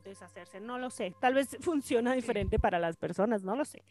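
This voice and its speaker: A woman with a Mexican Spanish accent, a podcast guest chatting casually in a lively, animated way. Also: a little high, moderate pace, faint music behind. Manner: lively, animated, trails off into quiet musing. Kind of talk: casual chat.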